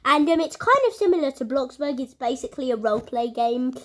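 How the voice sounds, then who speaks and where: Young woman, high pitch, chatty gaming commentary, keeps saying "guys". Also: fairly quick. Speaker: gaming YouTuber. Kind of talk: casual gameplay commentary.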